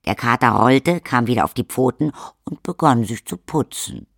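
A man reading the narration of a fantasy audiobook in a measured storytelling manner. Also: mid-range voice, animated, creaky, a bit bright, dry recording, studio quality. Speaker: audiobook reader. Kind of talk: scripted narration.

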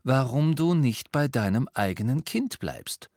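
A man's voice: mid-range voice, very animated, unhurried, a little mellow, no echo, clean studio sound, voice pushed up. A man voicing a blunt, stubborn young wizard. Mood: firm. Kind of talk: audiobook character reading.

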